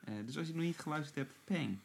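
A man's voice: a little high, fast, creaky. A man co-hosting a podcast in informal, casual chat, often repeating his phrases. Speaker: podcast co-host.

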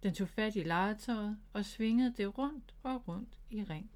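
A woman narrating a children's storybook in a calm, steady way. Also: medium pitch.

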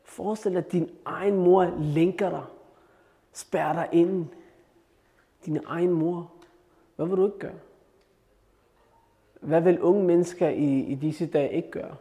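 Guy preaching a story, lively, asks the crowd stuff, slightly high voice, big echo. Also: pauses often. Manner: animated, addresses listeners with questions. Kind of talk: religious storytelling talk. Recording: reverberant hall.

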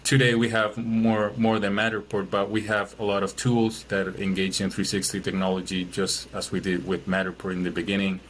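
A man's voice: fairly low pitch, little pitch movement, fairly quick, hardly any pauses, a bit bright, a little hiss or hum, low-quality recording. A man from Chile, a guest in an interview, talking casually with many fillers and restarts. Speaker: guest, business owner.

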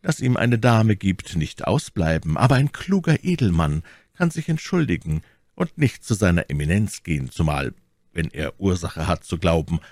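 A man's voice: deep voice, sing-song, moderate pace, darkish tone, no echo, full character voice. A man reading the part of a witty, elegant musketeer poet in a storybook reading, with an arch, lilting delivery. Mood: sly.

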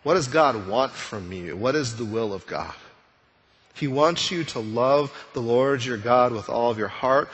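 A man's voice: medium pitch, animated, measured pace, fairly bright tone. A male pastor preaching a conversational sermon, full of rhetorical questions. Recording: long reverb of a church hall.

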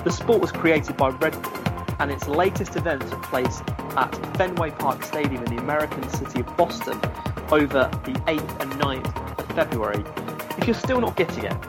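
Playful male co-host over loud music. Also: a little high, normal speed. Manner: playful, laughs readily, lively scripted roundup. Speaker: podcast co-host. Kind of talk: casual chat.

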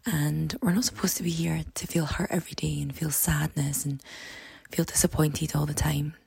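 A woman with a low, croaky frog voice speaks a reflective podcast monologue. She is hoarse and heavily gravelled, often fading toward a breathy near-whisper. The sound is close and dry, and her advice is earnest and reassuring. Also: fairly even intonation, moderate pace, a little mellow, no echo. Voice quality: croaky, froggy voice. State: hoarse, voice partly lost. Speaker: podcast host.

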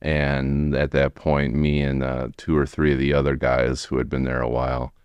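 American man, forties, extremely low voice, dry close sound, rambling conversational storytelling. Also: flat delivery, darkish tone, clear, resonant tone, no room sound, muffled recording. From United States, Wisconsin. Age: 40s. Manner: rambling, halting, frequent "you know". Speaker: podcast guest, remodeling tradesman. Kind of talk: casual interview storytelling.

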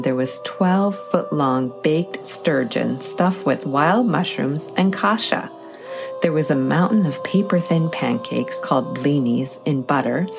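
Slow, gravelly woman narrating a tale. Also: deep voice. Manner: measured and dramatic. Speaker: storyteller. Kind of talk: storybook narration.

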